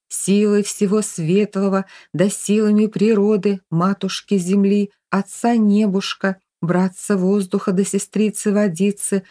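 A commanding old village witch played by a woman reader delivers slow, chanted spells and sharp orders. The tone is warm and dark rather than shrill, in an audiobook manner. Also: lightly acted. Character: elderly village witch grandmother, stern and commanding.

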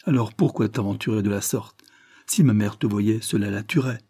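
A man's voice: on the low side, normal speed, warm tone, husky, no room sound, clean studio sound. A man reading aloud voices a young woman who is anxious and pleading, her voice trembling. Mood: alarmed.

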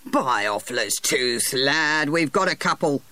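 A man voicing Sir Harry, a hearty, coarse-spoken older self-made boss with a blunt, gruff manner. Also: mid-range voice, normal speed, fairly bright tone, no echo, natural voice. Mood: eager.

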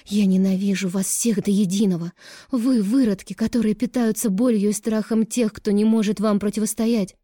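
A woman voicing a defiant young woman who is crying and shouting in high outbursts. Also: fairly even intonation, normal speed, breathy edge, no echo, clean studio sound, natural voice. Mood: furious.

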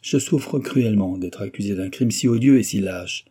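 A man's voice: lowish voice, normal speed, warm tone, slightly rough. A man voicing an accused man who protests his innocence in a theatrical, pleading way. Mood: solemn pleading.

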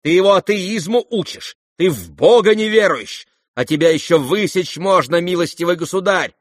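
A man's voice: high-pitched, animated, moderate pace, dry recording, clean studio sound, pitched above the performer's own voice. A man voicing an imperious, furious older noblewoman who scolds in an exclamatory, indignant way, in an audiobook reading.

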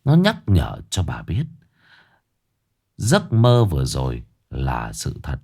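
A man narrating a ghost story in a dramatic, expressive way. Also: extremely low pitch, takes it slowly, vocal fry, husky.

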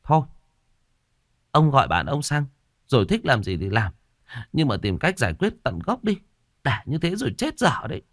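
A bossy old grandmother who nags and scolds, as a male storyteller puts her on. Her lines rise well above the narrator's low voice, and the recording is close and dry. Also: sing-song, rapid-fire, hardly any pauses, warm tone, no echo. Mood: scolding. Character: stern elderly grandmother, sharp-tongued.

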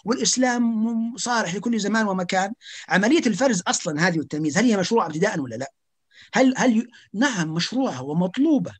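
A man's voice: sits high, animated, racing, slightly rough. A man, speaking as an academic guest on a podcast, arguing emphatically with rhetorical questions and stumbling restarts. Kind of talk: podcast conversation.

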